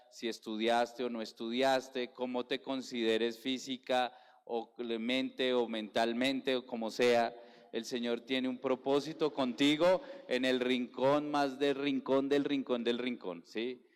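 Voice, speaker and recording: Bogotá-accented pastor, smooth voice in reverberant hall. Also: male voice, mid-range voice. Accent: Bogotá Colombian Spanish. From Colombia. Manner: conversational, quizzes the congregation with questions. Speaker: guest pastor. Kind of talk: sermon.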